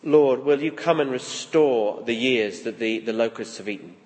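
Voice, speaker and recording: Soft-spoken pastor praying in a reverberant hall. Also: male voice, mid-range voice. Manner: slow, soft prayer with long pauses; reads scripture aloud with rising emphasis. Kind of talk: prayerful sermon. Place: church service.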